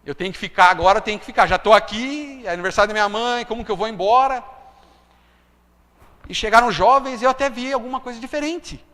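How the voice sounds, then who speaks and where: A man's voice: very high voice, quick pace, pushed and bright, big-room sound. A man preaching a testimony sermon, chatty and full of tag questions. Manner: conversational, frequent tag questions.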